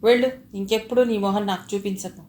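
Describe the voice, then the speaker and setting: A woman's voice: medium pitch, fairly even intonation, fast talker, a little hiss or hum, lightly acted. Woman voicing a furious, accusing man. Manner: accusing, shouting in rage. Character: angry domineering man, hot-tempered. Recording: roomy echo.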